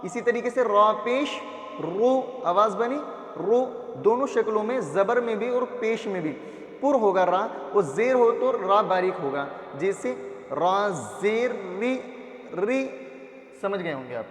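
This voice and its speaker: A man teaching Quran reading, slowly sounding out syllables one by one and asking his own questions. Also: high voice, expressive. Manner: drills letter sounds, repeats each syllable, asks and answers his own questions. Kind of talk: slow classroom recitation lesson. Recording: echoey roomy reverb.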